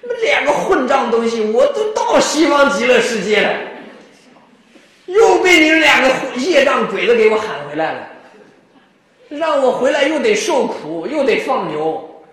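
Guy putting on a mad young cowherd kid yelling at his buddies, high and loud, super echoey room. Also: sing-song, normal speed, full character voice. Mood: furious. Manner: shouting, indignant complaint. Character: furious young cowherd boy, scolding his friends.

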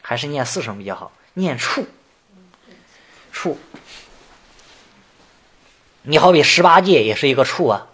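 A man teaching as a Buddhist teacher in a sutra lecture, explaining terms point by point and chanting the verse lines slowly. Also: medium pitch, sing-song, a bit bright, slightly rough.

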